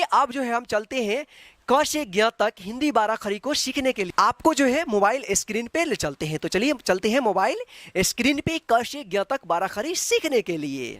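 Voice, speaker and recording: A woman teaching a Hindi alphabet lesson. She explains patiently, repeats herself and checks in often, then chants syllables loudly and slowly. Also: fairly high pitch, no room sound. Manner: patient, repetitive, checks with frequent "ठीक है".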